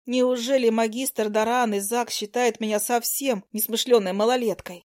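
A woman reading a first-person fantasy novel aloud in an even, clear storytelling manner. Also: on the high side, normal speed. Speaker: audiobook narrator. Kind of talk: first-person audiobook narration.

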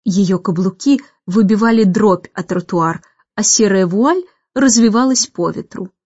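A woman narrating a children's story in a steady, expressive reading. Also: mid-range voice, measured pace, slightly rough, no echo, highs cut off. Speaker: audiobook narrator.

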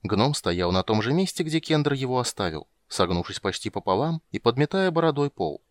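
A man narrating an audiobook with expressive storytelling. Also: mid-range voice, fairly quick, no echo, clean studio sound.

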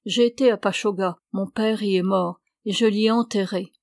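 A woman's voice: mid-range voice, fairly even intonation, moderate pace, a little mellow, no room sound, natural voice. Woman reading grieving young man, subdued, muffled, audiobook, dry sound.

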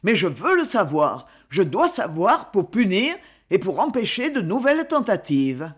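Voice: medium pitch, very animated, unhurried, breathy edge. A narrator voicing a tense, suspicious young rajah who answers in a curt, clipped way. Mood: tense, irritated.

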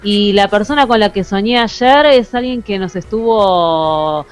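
A woman's voice: mid-range voice, measured pace, smooth. Chatty Rioplatense woman radio host. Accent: Rioplatense Spanish. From Argentina. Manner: chatty and storytelling. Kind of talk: casual radio chat.

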